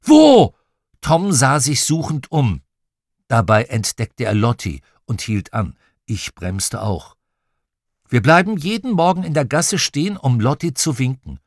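A man narrating a children's audiobook, telling the story in a lively, expressive way into a close studio mic. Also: medium pitch, measured pace, no room sound. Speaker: audiobook reader.

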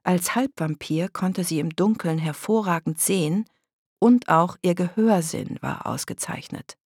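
An audiobook narrator reading a children's story in a steady, even way. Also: mid-range voice, measured pace, slightly rough, no room sound, clean studio sound. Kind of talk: scripted children's book narration.

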